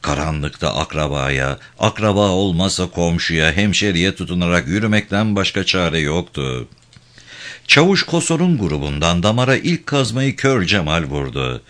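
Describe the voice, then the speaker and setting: Brief: male audiobook narrator, very low voice, animated and expressive delivery. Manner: expressive, measured storytelling.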